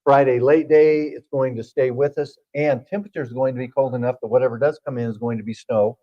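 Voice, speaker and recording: This TV weatherman has a mid-range voice and talks fast in an even tone, walking viewers through the forecast with folksy charm and plenty of filler words. It's broadcast weather chat, recorded with dull-sounding audio.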